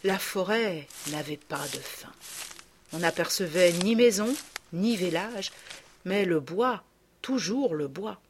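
A woman narrating a classic children's story in a calm, measured reading voice. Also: on the low side, slight background noise.

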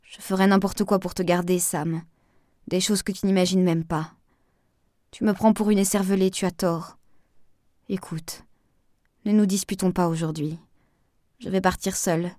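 Brief: woman narrator doing an intense, reproachful young woman in love, a touch higher and louder, dry close sound. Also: fairly even intonation, normal speed, pauses often, no room sound, close to an everyday voice. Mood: clinging. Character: jealous young woman pleading with her lover.

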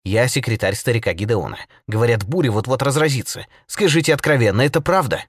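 A man voicing an energetic young male secretary who talks in a hushed, hurried way. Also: medium pitch, no echo, clean studio sound, lightly acted. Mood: eager.

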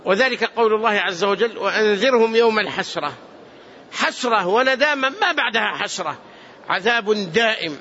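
A man's voice: very high-pitched, pushed and bright, dull audio, a little hiss or hum. A man teaching hadith in a large mosque, speaking earnestly, repeating phrases and adding prayers. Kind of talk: mosque lesson commentary.

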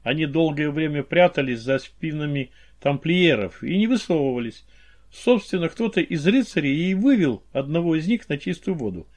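Guy doing a tired know-it-all informant, measured, slightly high voice, audiobook. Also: expressive. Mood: explaining. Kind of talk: audiobook character reading.

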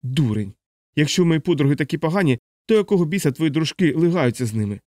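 A man's voice: on the high side, expressive, quick pace, mellow, dry recording, clean studio sound, voice pushed up, close to an everyday voice. A man voicing a scornful young woman. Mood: defiant. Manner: scornful, defiant, mocking.

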